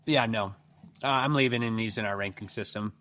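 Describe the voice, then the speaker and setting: A man's voice: on the low side, fairly quick, fairly bright tone. A man co-hosting a podcast, chatting casually, teasing his friend and swearing now and then. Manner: laughing hard, teasing, swears. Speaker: podcast co-host. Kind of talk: casual chat.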